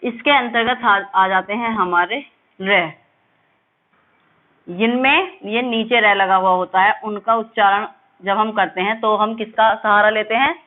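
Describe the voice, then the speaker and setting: A woman teacher giving a lesson, drilling sounds slowly and asking and answering her own questions. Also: mid-range voice, steady tone. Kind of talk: classroom lesson. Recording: tinny phone-like audio.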